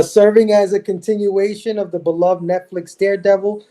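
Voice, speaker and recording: A man's voice: high-pitched, dark tone. Laughing man hosting a pop culture stream. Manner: laughs often, hypes up the panel. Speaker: podcast host. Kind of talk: casual pop culture chat. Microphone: video call.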